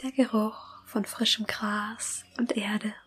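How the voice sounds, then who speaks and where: A woman whispering a slow, calm guided meditation. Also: mid-range voice, slightly rough, faint music behind.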